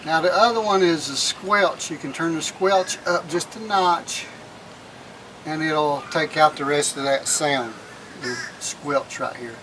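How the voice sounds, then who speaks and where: The recording is low quality with a little hiss or hum, capturing a man whose fairly bright, somewhat high voice moves at a measured pace. He's a vlog host in and around a minivan, casually talking through a hands-on how-to in plain words and frequently repeating phrases.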